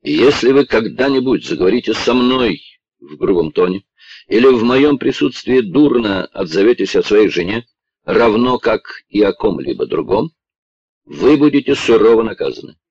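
Guy doing a cold stern gentleman, clipped and bossy, husky low voice, muffled sound. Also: lively intonation, moderate pace.

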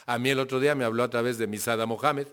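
A man's voice: mid-range voice, steady tone, racing, background noise. A man with a Mexican accent giving a conversational personal testimony to a recovery group, laughing often and checking in with his listeners. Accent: Mexican Spanish.

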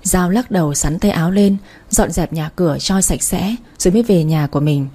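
A woman narrating a story in an even, steady reading voice. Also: lowish voice, moderate pace.

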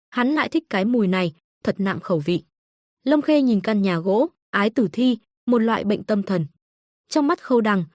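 A woman narrating a web novel audiobook with a steady storytelling delivery. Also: medium pitch, dry recording, studio quality. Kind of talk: reading a web novel aloud.

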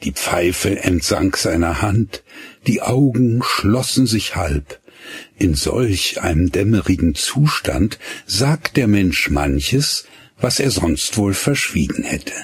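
A man narrating a radio story slowly and expressively, voicing the dialogue as he goes. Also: sits low, lively intonation, breathy edge, no room sound.

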